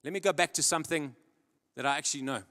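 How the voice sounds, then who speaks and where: A young man preaches quickly from a large church stage, gripping a handheld mic. He pushes his slightly high voice to loud, emphatic climaxes, then brings it down low and quiet. Long reverberation from the hall follows his words.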